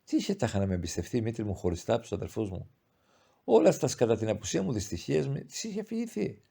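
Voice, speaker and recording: A man reading a classic short story aloud as an audiobook narrator, measured and expressive with formal old-style prose. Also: mid-range voice, creaky, slightly rough. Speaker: audiobook reader. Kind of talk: scripted literary narration.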